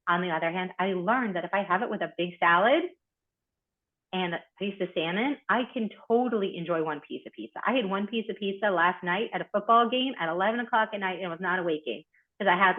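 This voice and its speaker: A woman hosting an online group, coaching members with animated, encouraging talk and reflective questions. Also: medium pitch. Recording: tinny phone-like video call audio.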